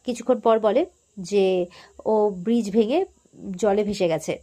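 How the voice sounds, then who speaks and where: A woman's voice: mid-range voice, a little slow, dark tone. A woman host giving a casual, chatty recap of a TV serial episode, talking through it with everyday fillers.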